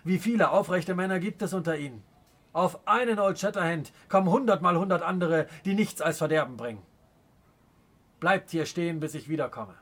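A man's voice: fairly high pitch, fairly bright tone. A man reading a proud, scornful chief. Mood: angry. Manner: scornful, commanding, slow and weighty. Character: proud stern adult male Native chief. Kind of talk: audiobook character reading.

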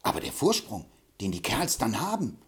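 A man reading an audiobook, voicing an excitable, boastful older man who gets angry fast and speaks shrill and loud. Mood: stubborn.

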